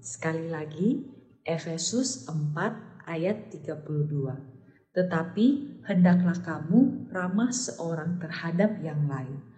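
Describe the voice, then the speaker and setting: A woman slowly and deliberately reciting a Bible memory verse. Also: low voice, expressive, dark tone, echoey room, in a large hall.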